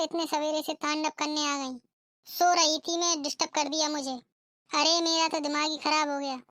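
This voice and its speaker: A woman's voice: sits high, pushed and bright. A woman voicing a rude, defiant young daughter-in-law in a cartoon, talking back with arrogance. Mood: irritated. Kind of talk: cartoon voice acting.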